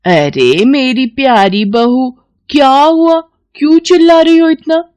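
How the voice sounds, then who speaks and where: A woman voicing a harsh older mother-in-law in an animated story, scolding in slow, drawn-out words. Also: high-pitched, voice pushed up. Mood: coaxing.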